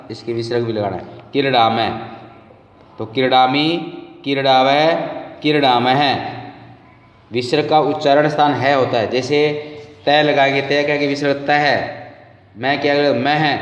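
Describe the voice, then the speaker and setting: Male teacher drilling word forms in an echoey room. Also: medium pitch. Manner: patient, repeating word forms slowly. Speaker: Sanskrit teacher. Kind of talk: classroom lesson. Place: classroom. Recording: roomy, distant, dull lo-fi sound.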